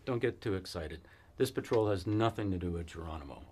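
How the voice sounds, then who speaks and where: An actor playing a weary cavalry fort commander in a western film, giving measured, authoritative orders. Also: male voice, sits low, expressive, warm tone, a little hiss or hum. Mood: stern. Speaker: army post commander.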